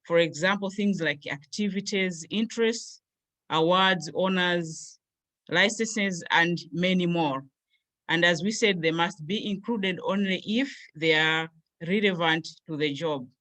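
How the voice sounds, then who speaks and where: A woman's voice: on the low side, a little slow. A young woman from Malawi, a graduate student, presenting a workshop over a video call and going through points one by one. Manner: steady explanatory pace, lists points one by one.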